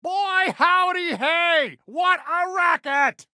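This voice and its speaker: A man voicing a friendly toy cowboy sheriff for a video game, with an American accent and a folksy, eager, expressive drawl. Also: extremely high pitch, extremely slow, dry recording, studio quality, full character voice. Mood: excited, hearty. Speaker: video game character greeting players. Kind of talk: animated game voice lines.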